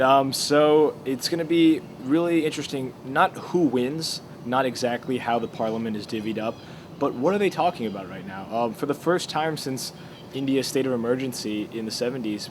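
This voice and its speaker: A man's voice: mid-range voice, brisk, background noise. A teenage boy talking casually as a student interviewee, explaining with many fillers and restarts. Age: teens.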